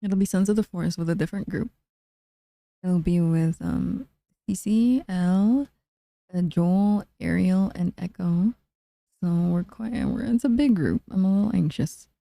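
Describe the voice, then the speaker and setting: A woman streamer chatting casually with her live chat in a soft, low-key way. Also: measured pace, creaky, dry recording.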